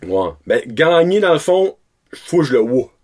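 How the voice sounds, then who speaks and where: Animated man talking hockey. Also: a little high, normal speed. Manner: lively, mixes English words into French. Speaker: podcast co-host. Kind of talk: casual hockey chat.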